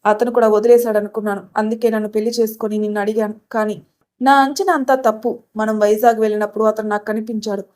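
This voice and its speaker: A woman's voice: on the high side, little pitch movement, quick pace, darkish tone, close to an everyday voice. Woman voicing a frightened young bride. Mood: fearful. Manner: pleading, tearful storytelling.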